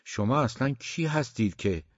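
A man's voice: mid-range voice, lively intonation, breathy edge, dry recording, lo-fi sound, voice pushed up. A man voicing a curt, stern father. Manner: curt and dry. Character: stern, guarded traditional father.

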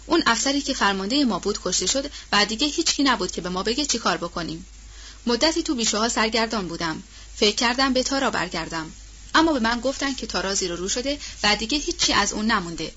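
A woman voicing a burly, loyal male farmhand with a heavy, husky voice and rustic, colloquial speech in an audiobook. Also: on the high side, animated, sharp tone, heavily acted. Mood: warm. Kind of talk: audiobook character reading. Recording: dull lo-fi audio.

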